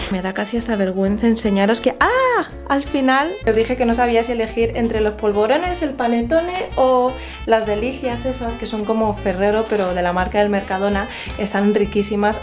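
In a small home kitchen, a young vlogger from Spain chats animatedly and pokes fun at herself while showing off her shopping. Her voice is fairly high with a darkish tone, caught by a handheld camera held close to her face.

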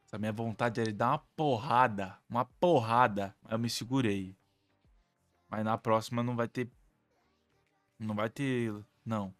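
A man's voice: lowish voice, steady tone, normal speed, long pauses, no room sound, soft background music. A man with a Brazilian Portuguese accent giving live gameplay commentary as host of a gaming channel, complaining in an exasperated, whiny way with slang and swearing.

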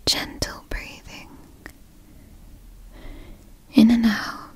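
A woman's voice: drawn-out words, a little mellow. A woman playing a tender, motherly girlfriend in a whispered role-play, speaking in an intimate, soothing whisper for sleep ASMR.

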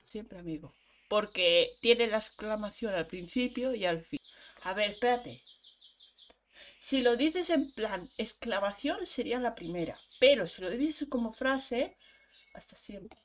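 A woman's voice: mid-range voice, animated, unhurried. A young woman, chatting casually and thinking aloud as she explains quiz answers. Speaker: vlogger.

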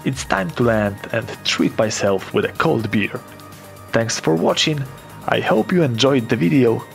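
A man's voice: medium pitch, a little slow, creaky, over music. A young man giving an enthusiastic, casual first-person voice-over about his flight, swearing freely now and then. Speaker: paragliding vlogger.

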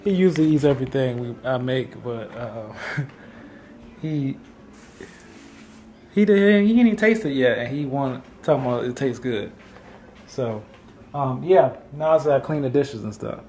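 A man casually vlogging while he cooks, talking in a relaxed, rambling way with lots of fillers. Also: mid-range voice, a little slow, long pauses, a little hiss or hum. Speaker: vlogger, father. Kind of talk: casual vlog chat while cooking.

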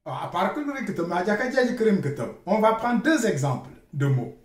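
A man teaching a language lesson, repeating words slowly and spelling them out letter by letter. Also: high-pitched, sing-song, reverberant. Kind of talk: slow spoken language lesson.

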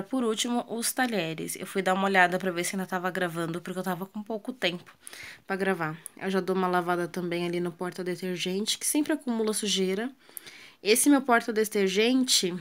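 A woman with a Brazilian Portuguese accent, a home vlogger and mother, casually narrating her kitchen cleaning and chatting with viewers. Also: mid-range voice. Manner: chatty, asks viewers questions, trails off with fillers.

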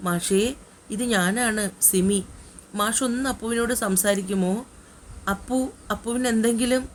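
A woman voicing a caring young female friend who gently urges someone on a late-night phone call. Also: mid-range voice, measured pace, a little hiss or hum, natural voice. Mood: worried, urging.

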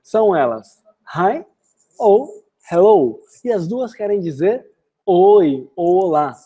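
A woman with a Brazilian Portuguese accent giving an online English lesson, explaining phrases and then saying the English examples slowly and clearly. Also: fairly low pitch, expressive, mellow. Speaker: English teacher.

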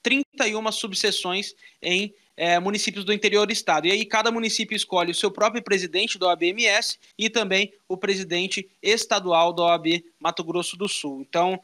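His voice sits high, bright and forceful, with a steady tone, a slightly fast pace and few pauses. He's a young Brazilian Portuguese-accented radio reporter delivering a live, conversational, informative news report from a small studio with a meeting table, holding a microphone in his hand.

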